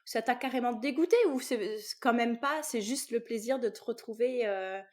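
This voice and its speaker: A woman's voice: a little high, normal speed. A woman hosting an interview podcast, asking questions in a friendly, easygoing way. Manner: friendly questioning, easy laughs. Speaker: podcast host. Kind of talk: casual interview chat.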